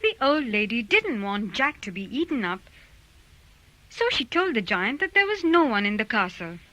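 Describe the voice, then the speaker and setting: Lively, bright woman telling a children's story. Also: fairly high pitch, normal speed, no room sound, low-quality recording. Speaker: narrator. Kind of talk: scripted storybook narration for children.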